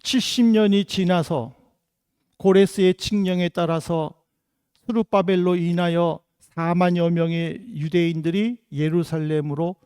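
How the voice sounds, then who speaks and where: Man, middle-aged, from South Korea, pastor, sermon, earnest storytelling, dry close sound, high voice. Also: fairly even intonation, measured pace, dark tone, smooth, dry recording. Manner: earnest preaching, mixing storytelling with rhetorical questions. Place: church in Germany.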